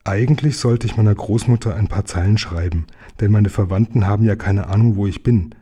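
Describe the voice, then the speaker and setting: A man voicing a sensible, determined boy hero in a children's story, in his own low, husky voice and an earnest tone. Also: fairly quick, dark tone.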